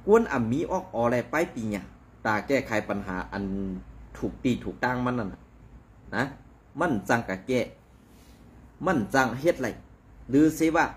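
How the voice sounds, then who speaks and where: A man giving conversational news commentary in an animated, rambling way, with frequent fillers. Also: medium pitch.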